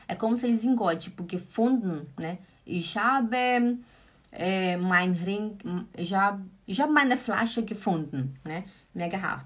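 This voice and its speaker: Husky woman teaching German, chatty. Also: mid-range voice. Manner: chatty, animated, slows down to model German pronunciation. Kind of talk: casual online language lesson.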